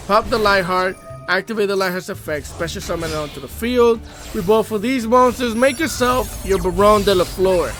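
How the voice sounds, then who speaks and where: A gaming YouTuber with a stuffy, congested voice from a cold gives hype, slangy trash talk over card game replays. His voice is high and a bit bright, in a casual commentary style.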